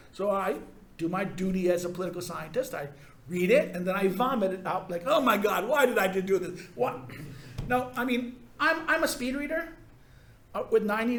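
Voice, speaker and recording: A man's voice: high voice, echoey room, a little hiss or hum. A male university lecturer giving a rambling, sardonic classroom lecture with frequent restarts.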